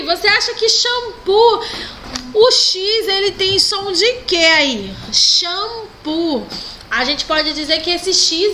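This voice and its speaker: A woman with a Brazilian Portuguese accent teaches a recorded primary school lesson, stretching out example words and checking in with the children. Her voice sits high and bright. A faint hiss of noise runs under the recording. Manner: slow, patient, drawing out example words and checking with "ok?" and "né?". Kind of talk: recorded online class correcting textbook exercises.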